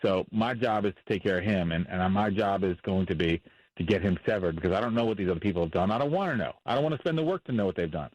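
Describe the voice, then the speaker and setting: A man's voice: deep voice, fast, a little mellow, dry recording, lo-fi sound. A man speaking as a defense attorney in a radio interview, blunt and impassioned, repeating himself for emphasis.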